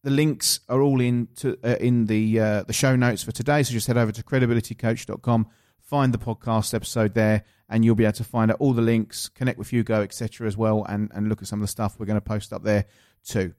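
A man's voice: lowish voice, level tone, fast talker, a little mellow. Essex man hosting a podcast, emphatic and encouraging. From England. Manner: emphatic, encouraging, direct address to listeners. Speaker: podcast host and coach. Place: office studio.

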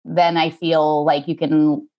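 A woman's voice: low-pitched, little pitch movement, slow, mellow. A woman therapist, a guest on an interview show, agreeing readily and musing aloud in casual conversation.

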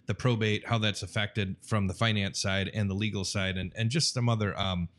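A man's voice: fairly low pitch, steady tone, normal speed, fairly bright tone. A man hosting a podcast in an easygoing way, joking between guests. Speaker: podcast host. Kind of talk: casual podcast conversation.

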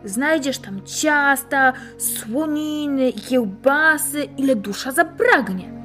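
A woman voicing a tiny, plucky, cunning little boy in a high, childlike voice. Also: expressive, takes it slowly, a bit bright, faint music behind, exaggerated voice. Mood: coaxing.

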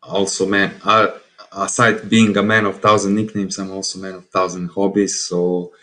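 A man of twenty-nine with a Serbian accent, talking reflectively as an interview guest, often halting and rephrasing his words. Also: deep voice, level tone, sharp tone. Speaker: podcast guest.

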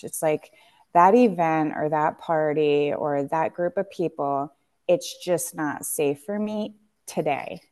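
Low-voiced woman talking reflectively. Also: a little mellow. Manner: reflective, frequent fillers and restarts. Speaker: guest, tea company founder. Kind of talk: candid podcast conversation.

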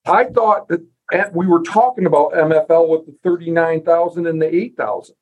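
A man's voice: a little high, fairly quick. Slightly muffled, folksy male podcast host. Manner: folksy, self-deprecating, thinks aloud. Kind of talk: casual interview.

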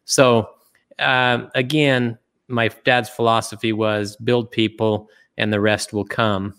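Smooth low-voiced middle-aged man. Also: little pitch movement, fairly bright tone. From Utah. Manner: reflective, halting with many restarts. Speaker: guest. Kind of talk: casual interview talk.

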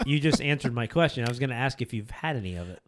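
A man co-hosts a relaxed podcast chat, asking questions and joking around. He talks at an ordinary pitch and laughs readily. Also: racing, a little hiss or hum. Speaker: podcast co-host. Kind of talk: casual conversation.

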